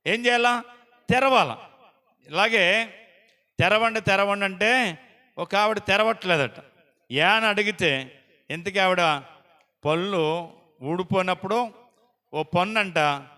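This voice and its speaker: High, bright-voiced preacher in a reverberant hall. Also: male voice, clear, resonant tone. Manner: call-and-response, quizzing the congregation with repeated questions; exclaims praise loudly. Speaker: pastor. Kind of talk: sermon. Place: prayer house hall. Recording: long reverb of a church hall.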